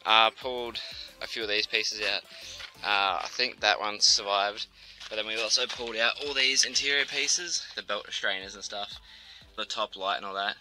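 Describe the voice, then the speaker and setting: A man's voice: on the low side, normal speed, sharp tone, faint music behind, rough recording. A young man in his twenties hosting a car vlog outdoors, talking casually with slang and the odd swear. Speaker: car channel host. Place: outdoors in a gravel yard.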